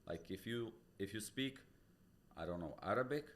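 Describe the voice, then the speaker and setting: This guest, a real estate broker from Tajikistan with a Pamir dialect as his mother tongue, speaks accented English on a podcast, earnestly explaining things step by step and often starting over. His lowish voice is animated and fairly bright, at a normal speed. The casual interview is captured on a studio podcast mic.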